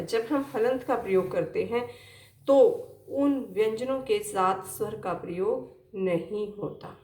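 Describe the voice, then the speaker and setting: Slow, patient woman teaching children. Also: fairly high pitch, a little mellow, echoey room. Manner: patient, checks understanding with repeated questions. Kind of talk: children's grammar lesson.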